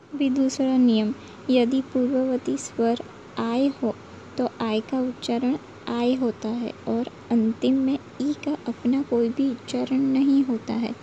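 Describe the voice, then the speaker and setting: A woman teaching English pronunciation in a lesson, reading out example words one at a time in a slow, deliberate way. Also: a little high, vocal fry, warm tone. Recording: slightly muffled with faint background hiss.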